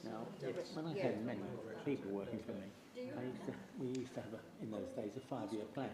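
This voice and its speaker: A man's voice: fairly low pitch, fairly quick. A man in his eighties from a church pastoral team, talking in a chatty, rambling way and laughing often. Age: 80s. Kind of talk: casual panel conversation. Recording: roomy church with crowd noise.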